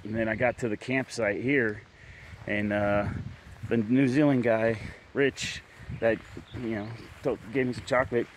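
A man talks into a handheld camera outdoors, rambling and candid, circling back with "like" and restarting his sentences. His voice sits at an ordinary middle pitch, and clear wind noise and rustling from the open countryside run under the recording. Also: steady tone, measured pace. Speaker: bikepacking vlogger. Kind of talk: casual trail vlog to camera. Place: outdoors at a rural campground, wind.

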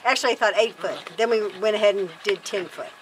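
A homesteader vlog host in her fifties chats casually to camera on an outdoor wooden deck, rambling and correcting herself as she goes. Her voice is medium-pitched and quick, with a noisy background.

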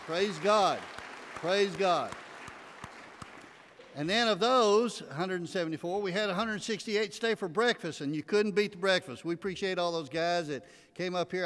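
Standing at the pulpit mic, an older man speaks in a fairly high, bright, clear and resonant voice with an East Texas accent. His church announcements are folksy and sprinkled with "uh"s. A choir stands behind him, and the vast sanctuary rings with long reverb.

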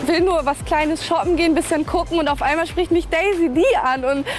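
A woman in her twenties speaks with a high voice, chatty and eager, in an outdoor street interview. Light music plays beneath her. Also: a little fast. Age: 20s. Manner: excited, chatty. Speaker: makeover contestant. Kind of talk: casual interview.

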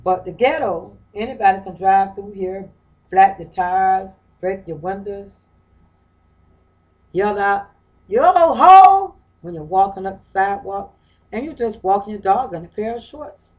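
At home, a woman gives an informal lecture, walking through a book conversationally while repeating phrases and posing rhetorical questions. Her mid-range voice is warm and moves at normal speed, though the audio quality is poor.

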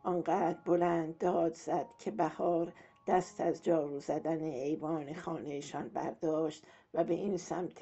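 A woman narrating a novel in a calm, measured storytelling way, in a dull lo-fi audiobook with faint music. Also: low-pitched. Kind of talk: novel reading.

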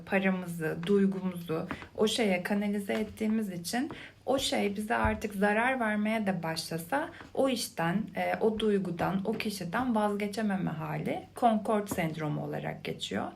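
A woman giving a quiet, hushed ASMR explanation in a soft, calm, late-night manner. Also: medium pitch, vocal fry, a little hiss or hum. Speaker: host explaining a psychology concept.

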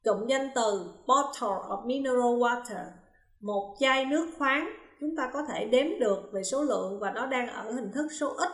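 A woman English teacher giving a recorded lesson. She reads example sentences slowly and carefully, then explains each answer step by step. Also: a little high. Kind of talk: recorded classroom lesson, explaining grammar exercises. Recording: roomy, echoey room.

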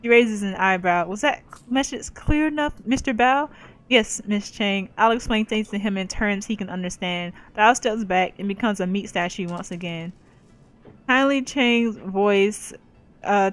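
In this rough recording, a woman with a medium-pitched voice plays a role-playing game as a gaming YouTuber. She reads the narration and each character's lines aloud in her own voice and adds playful asides, in let's play style commentary.

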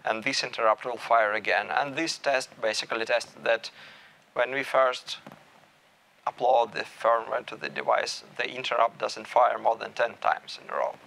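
Gravelly-voiced man giving a technical talk. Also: medium pitch, a bit bright, rough recording. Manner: measured, thinking aloud with small restarts. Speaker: meetup speaker. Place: small room with stage curtains.

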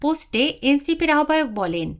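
A woman reading scripted news headlines and reports in an even, formal delivery. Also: high voice, brisk. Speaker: news presenter.

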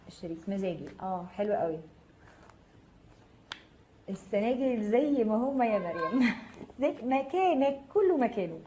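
A woman's voice: mid-range voice, dark tone, a little hiss or hum, low-quality recording. A woman with an Egyptian Arabic accent hosting a live tarot reading. She reassures viewers and answers their comments, calling them by name. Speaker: tarot reader host.

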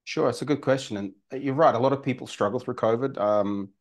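This guest entrepreneur, a man in his forties with a mid-range voice, talks fast in a casual video-call interview through his webcam. Originally from the former Soviet Union but raised in Australia, he has an Australian accent and uses many fillers and restarts while sitting in a home room by a fireplace.

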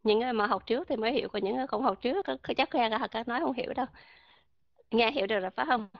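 A woman's voice: a little high, very fast, vocal fry, no echo, muffled recording. A woman teaching English pronunciation in an online lesson, explaining patiently with many fillers and checking that her students understand. Her first language is Vietnamese.

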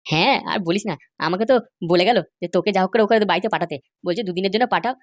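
Pompous politician father for cartoon, a woman voicing him, low and quick. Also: no room sound, lightly acted. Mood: confiding. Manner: bossy and self-assured. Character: pompous older male politician, bossy father. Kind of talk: cartoon voice acting.

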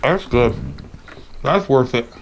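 A man's voice: mid-range voice, lively intonation, slow pace, slight background noise. A man casually reviewing food on a home vlog, rambling and chatty as he eats, speaking with his mouth partly full. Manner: chatty, rambling, talks while eating.

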